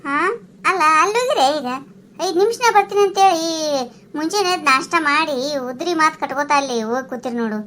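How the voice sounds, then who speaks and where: A woman voicing a scolding, sharp-tongued village wife in a cartoon, with a North Karnataka accent. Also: high voice, a little hiss or hum. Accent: North Karnataka Kannada. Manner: nagging, sharp and fast. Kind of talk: cartoon voice acting.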